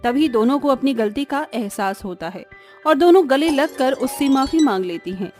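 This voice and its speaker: A woman reading scripted narration for a cartoon story in an even, plain manner. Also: high voice, moderate pace, soft background music.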